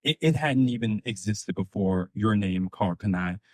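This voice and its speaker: An upbeat male talk show host welcomes his guest. His voice runs somewhat low, and the recording sounds dry and close. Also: animated, normal speed, no echo. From Brooklyn.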